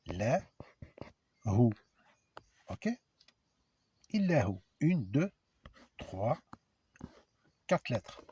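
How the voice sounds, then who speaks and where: A man with a slightly husky voice talks his viewers through a lesson at an unhurried pace. His pitch swings widely as he stresses points and spells out sounds one at a time. He addresses the audience directly, with an emphatic, provoking edge. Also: very animated, warm tone. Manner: spells out letters and sounds slowly. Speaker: video lecturer. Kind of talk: informal explanatory monologue to viewers.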